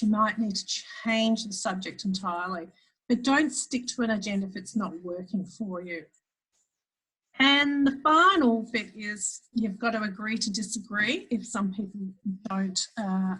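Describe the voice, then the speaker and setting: A woman's voice: medium pitch, husky, poor audio. An Australian woman leading an online workshop over a video call, chatty and often restarting her sentences while explaining. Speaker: webinar facilitator. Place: home office, standing.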